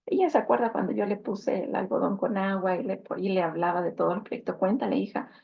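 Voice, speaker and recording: A woman's voice: mid-range voice, quick pace, gravelly, breathy edge, lo-fi sound. A woman voicing her own tearful mother as she urgently insists to a doctor, in a slightly raised voice. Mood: insistent.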